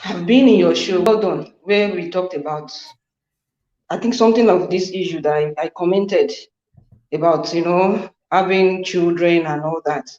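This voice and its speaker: A woman caller from Nigeria talking on speakerphone from work, telling her story in a halting, hesitant way. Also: on the low side, dark tone. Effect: on speakerphone, echoing. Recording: echoey, muffled phone line.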